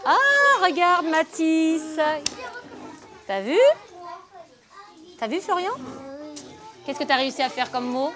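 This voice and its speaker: A woman's voice: sits high, slow pace, long pauses, fairly bright tone, soft background music. A woman teaching a reading lesson to young children in a classroom, patient and encouraging, asking many questions. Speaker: primary school teacher. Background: children's chatter.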